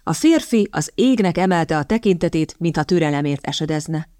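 A woman narrating an audiobook in a measured, even storytelling manner, recorded close to the mic. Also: sits low, no echo. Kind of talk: scripted narration.

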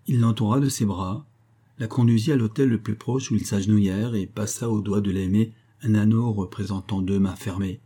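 A man narrating a story as an audiobook in a steady, dramatic reading. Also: lowish voice, slightly rough.

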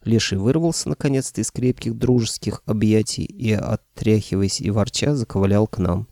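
A man reading an audiobook in an even, wry storytelling manner. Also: lowish voice, moderate pace, no echo, clean studio sound. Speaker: audiobook narrator.

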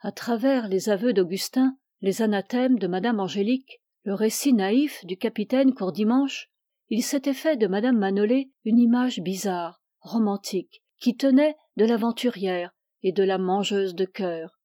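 A woman reading a literary novel aloud, with measured, expressive narration close to the mic. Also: medium pitch, no room sound. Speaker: audiobook reader.

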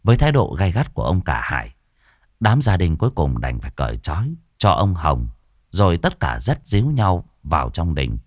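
Male ghost-story narrator, low and expressive, dry close sound. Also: normal speed, no room sound. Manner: lively, emphatic.

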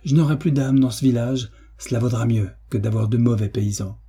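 A man's voice: medium pitch, fairly quick, gravelly, warm tone, husky. A man reading aloud, voicing a cruel, domineering landowner who speaks in a stern, threatening way. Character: cruel, domineering male landowner, middle-aged.

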